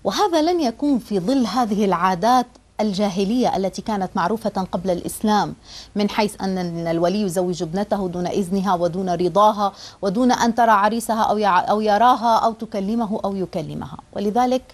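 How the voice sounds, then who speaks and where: A woman delivers a religious lesson in an earnest, explanatory tone. Her voice sits at an ordinary middle pitch. She sometimes stops partway through a phrase and restarts it. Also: quick pace. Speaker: religious teacher.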